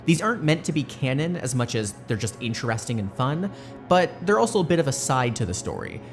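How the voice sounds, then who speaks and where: A woman's voice: a bass voice, very animated, a little fast, soft background music. A woman hosting a podcast, reading a scripted announcement to listeners. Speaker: podcast founder, producer and co-host.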